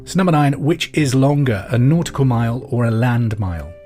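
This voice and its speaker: Warm in tone and a little fast, this animated medium-pitched male voice hosts a pub quiz podcast. The English presenter chats conversationally, repeats questions clearly, and is backed by music.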